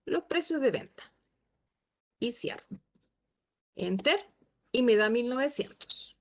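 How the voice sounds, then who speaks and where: Female instructor, high voice, patient step-by-step teaching, slightly muffled call audio. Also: expressive, takes it slowly. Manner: patient, asks the class checking questions. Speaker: Excel instructor. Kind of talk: online class teaching. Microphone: video call.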